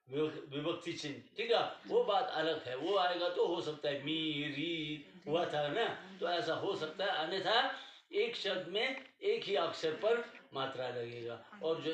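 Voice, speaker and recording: A man's voice: a little high, fairly bright tone. A man teaching a language class, patiently explaining pronunciation rules and checking often that his student follows. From Tibetan community. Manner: patient, repeats "ठीक है" to check understanding. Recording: echoey room, mic far off.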